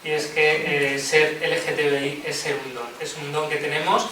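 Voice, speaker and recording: A man's voice: fairly high pitch, flat delivery, normal speed. Male teacher, earnest panel guest, heavy room echo and background noise. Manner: earnest, emphatic, laughs often. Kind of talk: round-table discussion. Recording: echoey room, distant mic, noisy.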